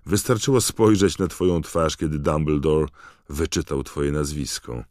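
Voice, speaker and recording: A man's voice: a bass voice, normal speed, darkish tone, no echo, studio quality. A man voicing a clever, earnest teenage schoolgirl witch who explains things patiently and insistently.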